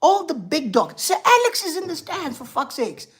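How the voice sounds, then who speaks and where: A woman's voice: high voice, very animated, moderate pace. A woman hosting a football live stream, ranting heatedly and profanely about her team and replying to viewer chat. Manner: reads out viewer chat and replies. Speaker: football livestream host.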